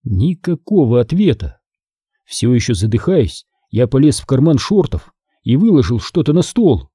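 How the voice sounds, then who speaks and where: Male audiobook narrator, animated delivery, dry close sound. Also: medium pitch, moderate pace, breathy edge, dry recording.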